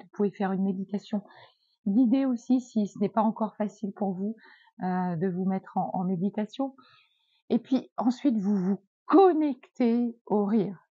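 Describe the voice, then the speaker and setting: A woman giving a gentle, encouraging self-help talk as a wellness coach, with many hesitant fillers. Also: mid-range voice, no room sound, lo-fi sound.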